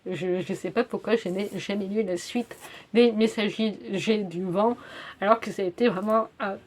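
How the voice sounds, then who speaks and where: A woman's voice: medium pitch, fairly even intonation, normal speed. A young woman chatting casually in a book review vlog, with frequent fillers and self-corrections. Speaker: book YouTuber.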